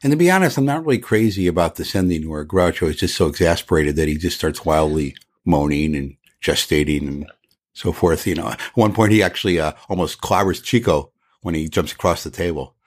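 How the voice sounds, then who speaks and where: A man's voice: deep voice, fairly quick. A man hosting a podcast, chatty and opinionated as he discusses old film comedy scenes. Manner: chatty and opinionated, frequent laughs. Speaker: podcast host.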